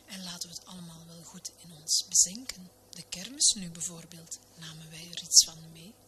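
A woman's voice: lowish voice, steady tone, moderate pace, lightly acted. Whispered role-play: grumbly kindly pastor voiced by a woman, noisy background. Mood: fussing. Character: fussy kindly male village pastor. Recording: noisy recording.

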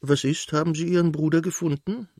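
A man voicing a graceful, lively young society lady who talks cheerfully and graciously in a literary audiobook. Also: on the high side, a little fast, no echo, studio quality, voice pushed up, close to an everyday voice.

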